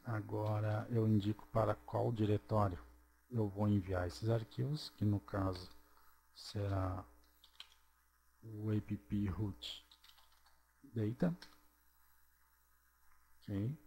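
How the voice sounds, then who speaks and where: A man talks through a computer tutorial at an unhurried, deliberate pace, pausing to check in with the viewer. His voice sits a little low and sounds soft and mellow. A faint hum runs under the recording. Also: creaky. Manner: slow, step-by-step, checks in with "ok?" and "certo?". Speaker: programming tutorial presenter. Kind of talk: screencast tutorial narration.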